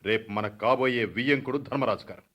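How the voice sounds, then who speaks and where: A man's voice: medium pitch, steady tone, quick pace, a bit bright, natural voice. Man doing a bossy strict dad in a radio drama, middle voice, curt orders. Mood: stern. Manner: commanding, curt decrees. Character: stern domineering father, middle-aged.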